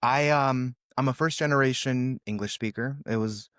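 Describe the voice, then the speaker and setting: This is a native Russian speaker in his twenties who grew up in California, USA, appearing as a podcast guest. He tells his story earnestly and casually, peppering it with "um" and "brother," in a medium-pitched, fairly bright voice at normal speed. The recording is dry and studio-clean.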